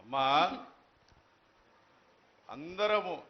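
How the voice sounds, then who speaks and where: A man's voice: high-pitched, animated, extremely slow. A man making a devotional petition to an oracle in a humble, apologetic way. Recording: dull lo-fi live event sound.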